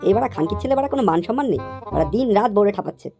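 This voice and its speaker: A woman's voice: mid-range voice, animated, very fast, gravelly, over music. A woman voicing a crude, hot-tempered middle-aged father in a comedy cartoon, swearing coarsely and bellowing threats. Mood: furious.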